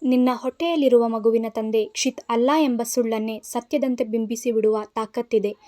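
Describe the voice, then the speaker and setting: Woman reading scheming young villainess, contemptuous, taunting, mellow tone, storybook. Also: a little high, fairly even intonation, moderate pace, natural voice.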